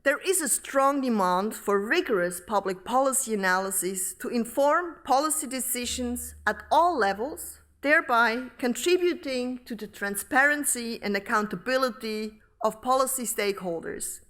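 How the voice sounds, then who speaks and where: A middle-aged woman from Switzerland, giving a formal academic lecture at a podium microphone in a large hall, reading in a measured, deliberate way. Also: on the high side, expressive, fairly bright tone. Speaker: professor giving inaugural lecture.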